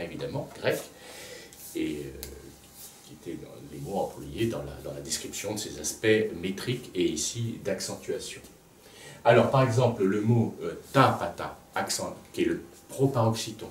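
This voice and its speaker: A man teaching a music lesson at a blackboard, pausing to think aloud and repeating words to show where the stress falls. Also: deep voice, darkish tone. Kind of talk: lecture at a blackboard. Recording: echoey room, voice from a distance, faint background noise.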